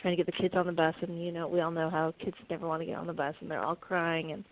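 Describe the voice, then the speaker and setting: A woman's voice: on the low side, level tone, quick pace, slight background noise. A woman camp director telling a heartfelt story in a webinar, earnest and full of restarts. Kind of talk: webinar talk. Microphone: conference call. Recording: muffled conference call audio.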